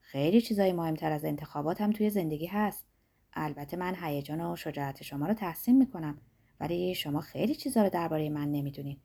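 Soft insistent young guy student, low and husky, calm, read by a woman. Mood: calm, placating.

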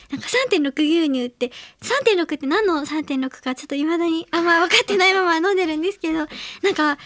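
Very high-voiced young woman radio host. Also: no room sound. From Hiroshima, Japan. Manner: chatty and earnest, many small fillers. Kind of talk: solo radio segment talk.

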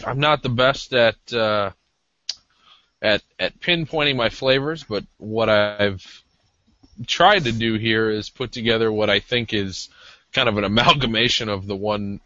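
A man with a low, bright-edged voice talks casually as a podcast co-host. He is hesitant and self-deprecating, and the recording is dry and a little lo-fi. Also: measured pace, dry recording. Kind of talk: casual, discursive talk. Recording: slightly dull lo-fi audio.

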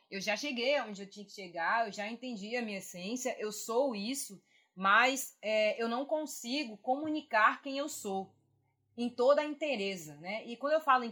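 Gentle reflective woman. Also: a little high. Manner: gentle, reflective, often adds "né?". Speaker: podcast co-host. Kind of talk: reflective conversation on self-acceptance.

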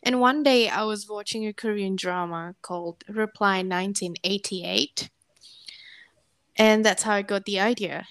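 A woman's voice: medium pitch, unhurried, fairly bright tone, dry recording. A woman in her early thirties, from Indonesia, co-hosting a casual podcast and telling stories in an easygoing, chatty way. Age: early 30s. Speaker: podcast co-host.

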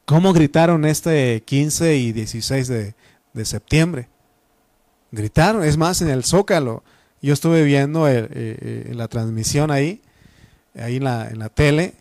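A man's voice: on the high side, a little mellow, dry recording. A Mexican man preaching a Bible study sermon in a teaching manner, repeating phrases and using frequent fillers. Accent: Mexican Spanish.

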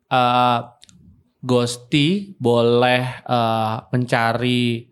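A man's voice: medium pitch, little pitch movement, drawn-out words, clear, resonant tone. Congested man, pinched-nose sound. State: congested with a cold. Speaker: podcast guest, comics industry practitioner. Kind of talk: casual interview talk.

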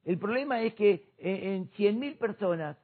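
A man, a pastor discussing faith with impassioned preaching that rises to shouts. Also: high voice, expressive, normal speed, husky. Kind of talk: church discussion program. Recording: tinny phone-like sound.

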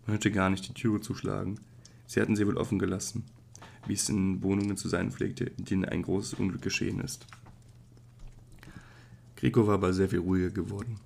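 A man narrates a classic novel as an audiobook. His voice is very low and monotone, with heavy vocal fry. A faint background hiss runs under the measured reading. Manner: measured, even reading with occasional slips. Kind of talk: calm literary audiobook narration.

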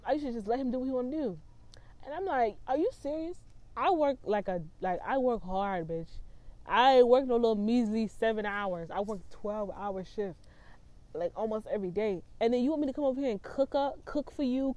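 A woman's voice: on the high side, dark tone. A woman in her twenties telling a personal story in a vlog, talking in a blunt, profane and emphatic way. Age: 20s. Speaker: vlogger.

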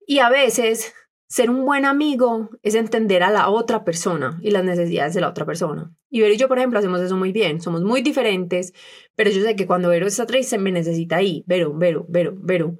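A woman's voice: mid-range voice, fairly quick. A young woman, co-hosting a podcast and speaking candidly about personal matters, often acting out what others said. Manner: earnest, animated quoting of others. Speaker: podcast co-host.

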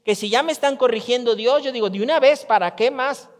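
High-voiced man preaching in a church hall. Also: fairly quick. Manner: conversational preaching with acted-out quotes. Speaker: pastor. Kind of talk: sermon.

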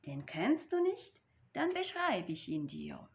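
A woman's voice: high-pitched, wildly swooping pitch, takes it slowly, pitched above the performer's own voice, exaggerated voice. A woman voicing a small, clever mouse in a read-aloud storybook, bold and sure of herself, on a dull lo-fi recording.

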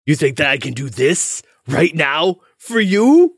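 A man voicing a gruff, harried male blacksmith foreman who barks orders and swears impatiently. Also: a little high, drawn-out words, pitched above the performer's own voice, full character voice. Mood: impatient, yelling.

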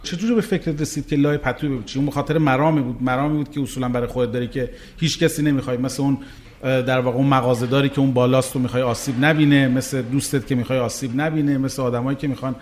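A man's voice: mid-range voice, fairly even intonation, darkish tone. Probing male interviewer. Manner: persistent questioning, searching, repeats answers back.

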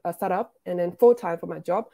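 A woman's voice: fairly low pitch, fast talker, vocal fry, mellow. A woman, a programmer and founder, talking casually as an interview guest, with lots of restarts and "like". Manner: chatty, frequent "like" and restarts.

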